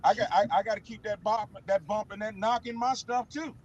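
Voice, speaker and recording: Guy in his 50s, excited rambling stories, talking from his car, kinda muffled sound. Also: sits high, brisk. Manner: animated storytelling, stammering restarts. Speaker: musician guest. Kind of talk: casual interview chat. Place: parked car. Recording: dull lo-fi sound.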